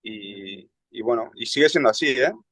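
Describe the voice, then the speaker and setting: Spanish guy chatting, reflective, mid pitch, dry sound. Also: lively intonation, normal speed, a bit bright, no echo, rough recording. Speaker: guest. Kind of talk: casual conversation.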